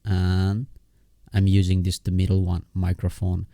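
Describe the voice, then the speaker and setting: In a relaxed, unscripted computer tutorial, a man with a low, dark voice and some vocal fry explains things step by step. He repeats points, hesitates, and often checks in with the listener. The audio is close and dry.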